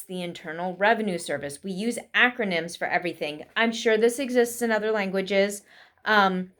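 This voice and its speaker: A woman giving a casual spoken lesson with tips for English learners, talking quickly with frequent fillers. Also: medium pitch, fairly bright tone. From United States. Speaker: vlogger teaching English learners.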